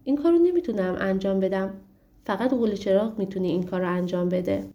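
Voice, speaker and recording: A servile male genie of the ring from a storybook tale, formal and obedient, voiced plainly by a woman reading the story. The sound is mellow and warm. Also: medium pitch, lively intonation, dull audio, lightly acted.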